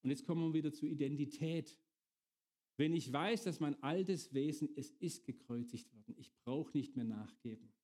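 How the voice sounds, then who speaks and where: A man's voice: fairly high pitch, normal speed, dark tone. A middle-aged man preaching a sermon, often turning to his congregation with direct questions.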